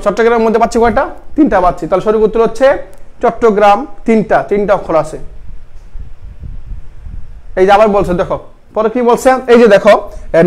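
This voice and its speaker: High-voiced man teaching live. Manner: repeats questions, quizzes viewers and reads out their comments. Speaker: admission test tutor. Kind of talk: live online Bengali grammar class.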